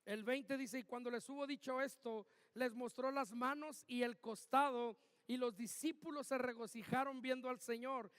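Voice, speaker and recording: A pastor with a very high voice preaches, jumping into loud, emphatic bursts when he acts out quoted lines. His voice rings through a church hall with a long, echoing tail. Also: steady tone, normal speed, few pauses, clear, resonant tone. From Mexico. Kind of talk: sermon.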